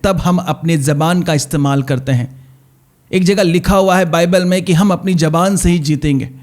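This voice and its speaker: A male pastor preaching in a fairly high voice. He is earnest and tells stories, and he leans on repeating key phrases to drive each point home. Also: darkish tone. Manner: earnest preaching with repetition and storytelling. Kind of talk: sermon.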